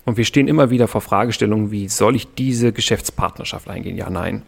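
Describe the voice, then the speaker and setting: Male podcast guest, lowish voice, measured and explanatory, calm delivery. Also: vocal fry, breathy edge. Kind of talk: podcast conversation.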